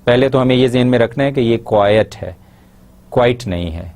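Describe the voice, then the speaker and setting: A man with a Pakistani accent giving a lecture in Urdu, pausing to read out English example sentences slowly and carefully. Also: mid-range voice, a little mellow. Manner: explains in Urdu, models English phrases slowly and deliberately. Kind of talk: classroom lecture.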